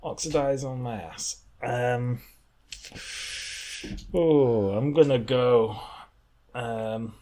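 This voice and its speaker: A man's voice: medium pitch, slow pace, long pauses, mellow. A man co-hosting a podcast in casual chat, rambling and joking with frequent laughs. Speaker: podcast co-host.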